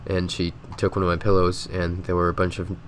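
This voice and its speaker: Low-voiced stuffy-nosed man chatting. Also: brisk, slight background noise. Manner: rambling, relaxed, lots of filler words. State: sick with a stuffy nose. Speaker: gaming video host. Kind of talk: casual game commentary voice-over.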